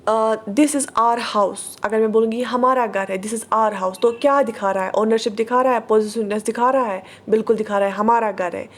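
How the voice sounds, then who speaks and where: A woman teaching an online English grammar class, explaining patiently, asking the class questions and slowing down to read out examples. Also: on the high side, fairly even intonation.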